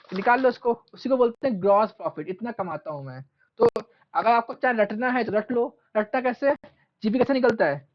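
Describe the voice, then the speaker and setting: Male teacher, classroom lecture; repeats and stretches key terms; dull recording. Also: very high-pitched. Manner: asks questions and answers them himself, repeats key terms; stretches out terms slowly while writing. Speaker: commerce teacher.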